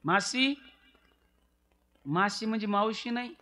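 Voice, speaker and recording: A man's voice: high voice, slow pace, bright, forceful tone. A man preaching a devotional story sermon, teasing the audience and calling on them to answer back. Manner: teasing, conversational.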